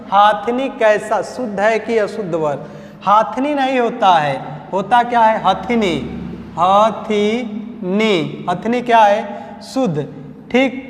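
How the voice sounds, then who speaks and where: High-voiced Hindi-accented teacher in an echoey hall. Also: male voice. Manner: drills words by slow repetition and quizzing. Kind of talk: spelling lesson at a whiteboard. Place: coaching classroom.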